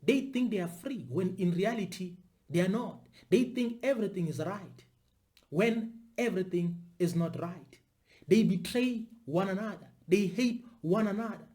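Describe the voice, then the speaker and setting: A commentator talks to viewers without a script. The delivery is deliberate and repetitive, with emphatic phrasing at an ordinary, medium pitch. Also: mellow. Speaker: video commentator. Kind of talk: unscripted spoken commentary.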